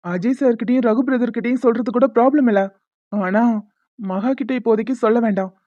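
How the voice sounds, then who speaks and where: A woman voicing a reassuring young man in an animated drama. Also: fairly high pitch, dry recording, close to an everyday voice. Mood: earnest. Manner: brisk, reassuring. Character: young man, caring brother figure. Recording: dull lo-fi dry sound.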